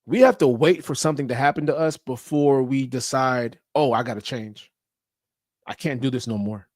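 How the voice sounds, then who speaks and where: A man's voice: mid-range voice, normal speed, a little mellow, no echo, clean studio sound. A man hosting a podcast, giving a blunt motivational talk about fitness and habits, with casual profanity and slang. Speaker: podcast host. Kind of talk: motivational monologue.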